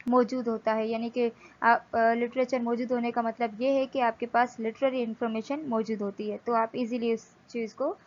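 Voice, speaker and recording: A woman lecturing from slides, reading English text slowly and explaining it in Hindi. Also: a little high, little pitch movement, a little mellow, highs cut off.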